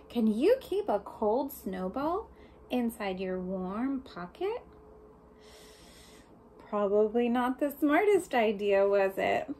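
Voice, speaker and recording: A woman on the high side reads a picture book to small kids slowly and very animatedly, addressing them expressively with engaging questions and asides. Noticeable background noise is present.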